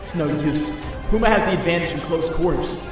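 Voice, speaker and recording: Man voicing a high-pitched, wisecracking Spider-Man in echo. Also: brisk, natural voice. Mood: weary, brooding. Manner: wry, quippy, talks to himself. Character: young male wisecracking superhero, weary and harried. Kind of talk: comic dub voice acting. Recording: very echoey, distant, music behind.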